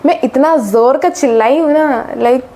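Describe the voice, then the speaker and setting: Teen girl vlogger from Odisha, a little high and soft-toned, chatty and excitable. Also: normal speed. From Odisha, India. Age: teens. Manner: chatty, mixes English phrases into Hindi, gets excited retelling stories. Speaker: student vlogger. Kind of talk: casual vlog chat.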